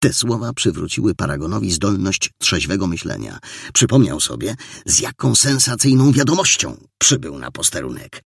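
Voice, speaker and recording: Male audiobook narrator, low and gravelly, lively delivery. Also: normal speed, no echo, studio quality. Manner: expressive, animated reading.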